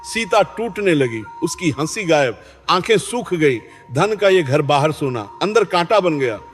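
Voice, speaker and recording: A man's voice: fairly high pitch, expressive, unhurried. A man narrating a dramatic moral story in an earnest tone. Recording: long reverb, faint music behind.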